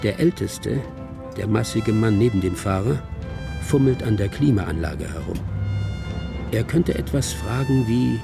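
A man with a gravelly, lowish voice reads a film screenplay as a detached narrator for a radio drama, unhurried yet expressive. He uses short present-tense observations in a suspenseful, aloof mood, backed by music.

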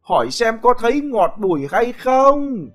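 A woman's voice: on the high side, sing-song, measured pace, faint music behind, pitched above the performer's own voice. A man voicing a furious, foul-mouthed village wife who screeches curses and wails in a storybook reading. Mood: screeching abuse.

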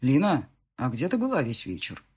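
A woman voicing a cold, jealous husband in an audiobook, curt and stern, in a husky tone. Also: a bass voice, wildly swooping pitch, moderate pace, darkish tone, exaggerated voice. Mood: cold, formal.

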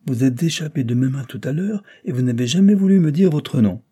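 A man reading the part of a smooth, insolent aristocratic captain in a storybook reading, in a suave, mocking manner. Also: mid-range voice, expressive, brisk, dark tone, pitched above the performer's own voice.

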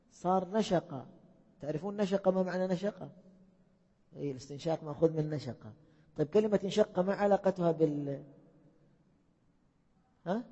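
A man's voice: high-pitched, warm tone, husky. A man teaching a classroom lesson, questioning his students and repeating key points. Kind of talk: classroom lesson on Arabic morphology. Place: lecture hall. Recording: dull lo-fi recording with long hall reverb.

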